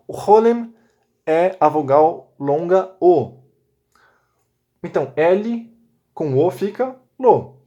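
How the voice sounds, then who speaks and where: Male teacher, middle-aged, higher-than-usual pitch; patient, methodical recorded lesson with frequent check-ins. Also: darkish tone.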